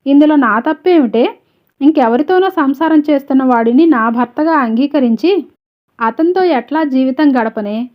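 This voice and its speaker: A woman's voice: high voice, normal speed, close to an everyday voice. A woman reading the lines of a proud, wronged young wife who speaks bitterly about her family. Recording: slightly dull, lo-fi audio.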